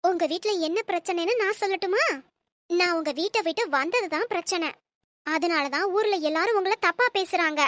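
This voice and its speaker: A woman voicing a cold, defiant young wife in an animated cartoon, speaking in sharp, cutting retorts. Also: very high voice, moderate pace, no room sound, studio quality. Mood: angry, scornful.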